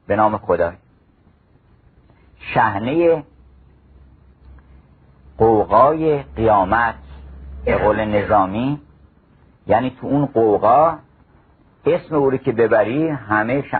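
A man's voice: fairly low pitch, slightly rough. A man giving a storytelling talk on mystical wisdom, reciting classical verse in a chanting cadence. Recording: phone-like narrow radio recording.

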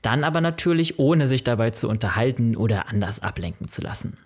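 A man's voice: medium pitch, animated, fairly quick. A man presenting a scripted explainer on running, speaking directly to the viewer in a friendly, informative way and working through numbered tips. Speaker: running vlogger.

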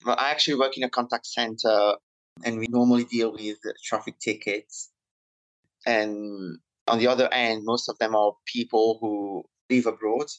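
A man's voice: lowish voice, steady tone, moderate pace, low-quality recording. A man in his thirties from Italy, a non-native English speaker, talking reflectively as a guest in a conversational interview. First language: not English; speaks Italian, French and Mauritian Creole.

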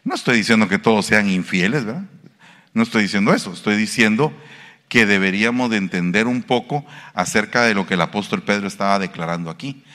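A man's voice: lowish voice, lively intonation, brisk, fairly bright tone. A male pastor, preaching a sermon and putting questions to the congregation. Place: church. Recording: reverberant church hall.

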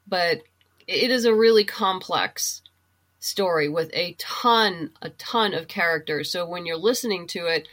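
With a lowish, fairly bright voice and an unhurried pace, a woman chats casually about books as an interview guest. She is a novelist and comic book writer, and she explains ideas conversationally while thinking aloud.

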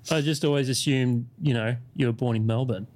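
A man's voice: medium pitch, fairly even intonation, fairly quick, darkish tone. A man co-hosting a podcast in casual chat, teasing and laughing often. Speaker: podcast co-host.

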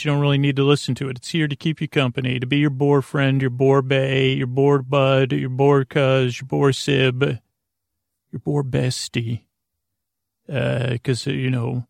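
An American man hosts a sleep podcast, delivering a rambling bedtime monologue meant to lull listeners to sleep. His medium-pitched, gravelly voice meanders and halts, stumbling and trailing off mid-thought. The recording is dry and clean, with studio sound.

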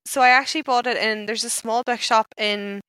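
A woman with a Northern Irish accent co-hosting a podcast, talking in a chatty, animated and informal way. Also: fairly high pitch, fairly quick, clean tone, no room sound. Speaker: podcast co-host. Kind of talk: casual podcast chat.

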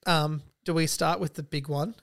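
A woman's voice: low-pitched, fairly even intonation, moderate pace, gravelly. A woman with an Australian accent chatting casually and jokily about films as a podcast co-host, with plenty of slang and swearing. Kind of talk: casual film and pop-culture chat.

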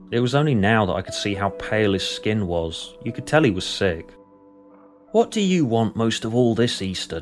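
Man, scripted narration, deadpan, low-pitched, faint music underneath. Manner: deadpan, matter-of-fact storytelling.

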